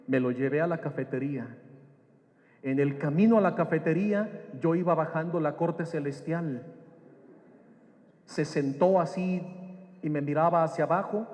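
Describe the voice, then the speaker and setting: A man's voice: fairly high pitch, darkish tone, long reverb tail. A man preaching a sermon, telling personal anecdotes and asking his audience questions. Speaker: preacher and Bible teacher. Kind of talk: storytelling sermon.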